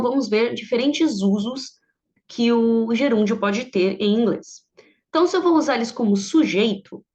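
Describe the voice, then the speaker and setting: A woman whose first language is Portuguese teaches an online English grammar lesson, walking through each rule step by step and often pausing to check the class follows. Her voice sits a little high. The recording is slightly dull and lo-fi.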